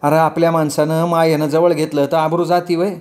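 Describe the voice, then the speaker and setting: A man's voice: a little high, level tone, brisk, a little mellow, pitched above the performer's own voice, lightly acted. A man voicing a playful, affectionate young village woman, talking in rustic village speech in a raised voice. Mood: pleading, teasing.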